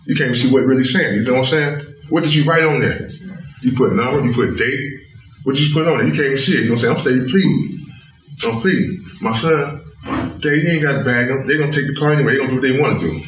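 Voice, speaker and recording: A man's voice: medium pitch, fast. A middle-aged father telling an emotional story in an interview, talking in slang-heavy vernacular and asking "you know what I'm saying" again and again. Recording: echoey room, distant mic.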